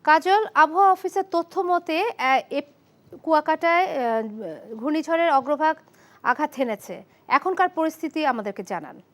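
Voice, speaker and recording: A woman's voice: sits high, animated, normal speed, fairly bright tone, slight background noise. A woman with a Bangladeshi accent anchoring live news and putting questions to reporters.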